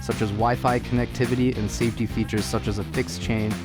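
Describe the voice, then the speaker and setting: A man's voice: medium pitch, flat delivery, brisk. A man reading a sponsor spot in an upbeat promotional way. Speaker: sponsor ad reader. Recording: voice over guitar music.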